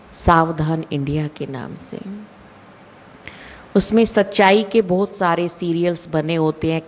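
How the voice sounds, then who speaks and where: A woman giving a slow, deliberate spiritual talk with emphatic rises in her voice. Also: sits low, darkish tone. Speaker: spiritual speaker. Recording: long hall reverb.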